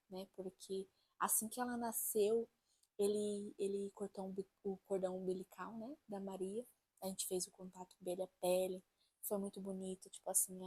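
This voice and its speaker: A woman's voice: mid-range voice, darkish tone, breathy edge, poor audio. A woman with a Brazilian accent telling viewers a personal story in a chatty, emphatic vlog style, full of fillers. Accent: Brazilian Portuguese. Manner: chatty, emphatic, lots of fillers like "tipo assim" and "gente". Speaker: vlogger.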